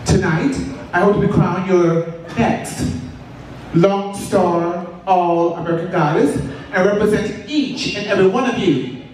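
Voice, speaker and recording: A man's voice: high-pitched, measured pace, a little mellow, slight background noise. A man giving a formal, declamatory prepared introduction on stage as a pageant contestant. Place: large indoor stage venue. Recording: very echoey hall, distant PA.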